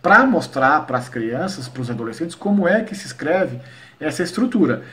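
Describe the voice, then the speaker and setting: A man from Paraíba leads an online lesson on cordel poetry. His voice sits a little higher than most men's. He explains patiently and slows into a rhythmic cadence whenever he recites verse. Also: big pitch swings, fairly bright tone. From Paraíba, Brazil. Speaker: cordel poet and workshop teacher.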